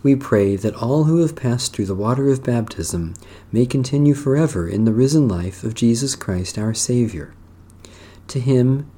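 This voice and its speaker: A man leading worship as clergy, reading prayers and scripture in a solemn, measured, declamatory way. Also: lowish voice, warm tone.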